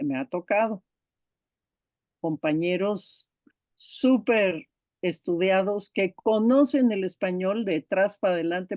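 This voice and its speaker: Slow-speaking woman lecturing online. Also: fairly low pitch, darkish tone, no room sound. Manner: explanatory, repeats and restarts words, checks with "¿no?". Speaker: course instructor. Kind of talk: online lecture on pronunciation teaching.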